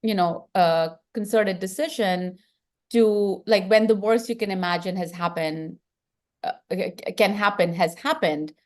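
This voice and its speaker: A woman's voice: mid-range voice, unhurried. Earnest woman with an Indian accent. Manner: earnest, thinks aloud with many restarts. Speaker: film director, interview guest. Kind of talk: reflective interview talk.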